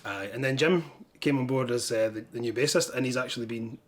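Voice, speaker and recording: A man's voice: mid-range voice, brisk. A man with a Scottish accent, talking casually as an interview guest from a band. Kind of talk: casual chat.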